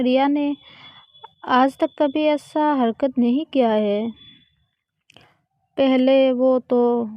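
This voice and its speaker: A woman narrating a serialized romance story in a slow, repetitive way with frequent self-corrections. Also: high voice, dry recording, lo-fi sound.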